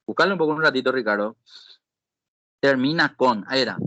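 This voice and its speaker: Man, patient step-by-step teacher, bright voice, dry close sound, video call. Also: mid-range voice, lively intonation, a little fast, no echo, lo-fi sound. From Paraguay. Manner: patient, explanatory, checks in with "¿sí?". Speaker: Excel instructor. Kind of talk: online class walkthrough.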